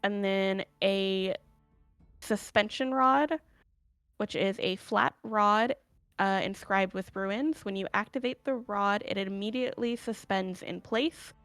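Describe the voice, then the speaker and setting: A woman's voice: mid-range voice, slow, a bit bright, no echo, soft background music. A woman running a tabletop game, narrating rules and chatting with players as game master.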